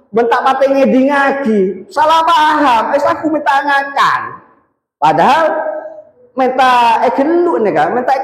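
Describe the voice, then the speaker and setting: A man preaching a storytelling sermon at a mosque, talking in an animated way and calling to his listeners. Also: extremely high pitch. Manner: animated, addresses listeners as Pak and Kak. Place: mosque hall. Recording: echoey hall with long reverb.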